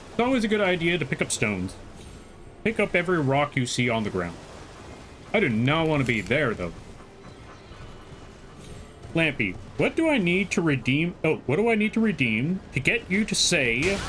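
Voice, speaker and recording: Lively, bright-voiced male game streamer. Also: fairly high pitch, slight background noise. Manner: chatty, reads chat aloud and talks to the game; playful, joking. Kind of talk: live gameplay commentary.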